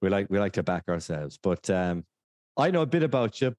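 A man's voice: sits low, very animated, a little fast, darkish tone, dry recording. A man from County Clare with a west of Ireland accent, hosting a casual podcast interview in a jokey, self-deprecating way. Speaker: podcast host.

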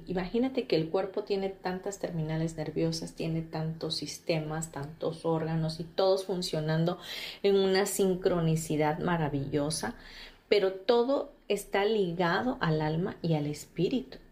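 A woman's voice: fairly low pitch, measured pace, a little mellow. A woman giving an informal religious teaching, speaking directly to the listener with frequent fillers and restarts. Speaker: spiritual teacher.

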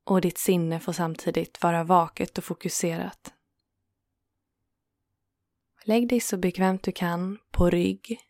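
A meditation guide and host leads a yoga nidra relaxation, calm and soothing, leaving gentle pauses between her phrases. Her voice sits on the low side, recorded dry at studio quality.

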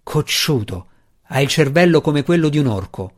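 A man voicing a gruff, sarcastic male deep gnome guard in an audiobook, growling and agitated. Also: lively intonation, normal speed. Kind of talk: audiobook character reading.

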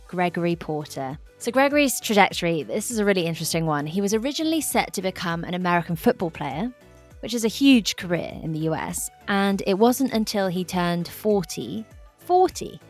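A woman hosting a podcast, introducing and interviewing her guest in a presenter's style. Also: on the low side. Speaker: podcast host and travel journalist.

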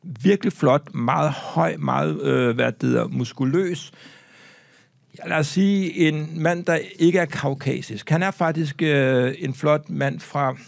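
A man co-hosting a comedy podcast tells a story in a rambling, hesitant way and jumps into little voices for the people in it. His voice is gravelly and a touch high. The sound is dry and close. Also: no room sound. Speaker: podcast co-host.

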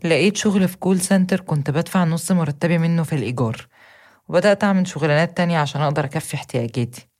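A young woman with an Egyptian accent, giving an earnest, steady first-person account as a narrator. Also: low voice, very fast. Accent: Egyptian Arabic. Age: young adult.

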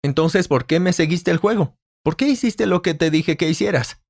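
A man's voice: a little high, moderate pace, gravelly, a little mellow, pitched above the performer's own voice. Man doing a stern, reproachful dad. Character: indulgent father who turns stern, middle-aged man.

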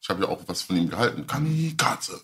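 A man's voice: low-pitched, very animated, fast, crowd noise. A man talking as a podcast guest, heated and repeating himself, often calling the others brother. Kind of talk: casual podcast chat.

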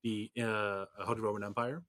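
A man's voice: on the low side, steady tone, moderate pace, a bit bright. Rambling man on a podcast. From Netherlands. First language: Dutch. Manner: rambling, self-mocking tangents. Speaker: podcast co-host. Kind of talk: casual chat.

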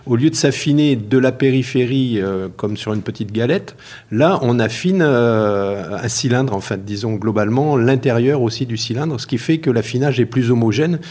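A man being interviewed about his work as a cheesemaker, explaining slowly and carefully with many hesitations. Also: mid-range voice, darkish tone. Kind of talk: casual spoken interview.

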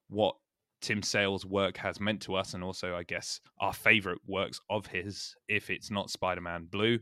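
A male podcast host speaks in a low, hoarse voice that still has a forceful edge. His talk is casual and halting, full of pauses. The sound is dry and close, with little room around it. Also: no room sound. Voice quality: hoarse, croaky voice. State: hoarse after a recent illness.

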